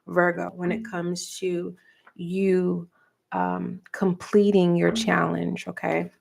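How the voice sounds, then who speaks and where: A middle-aged woman giving a tarot reading for viewers, talking softly and slowly and pausing as she reads the cards aloud. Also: on the low side, completely flat delivery, creaky. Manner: slow, soft and meditative, reading cards aloud with pauses. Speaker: tarot reader.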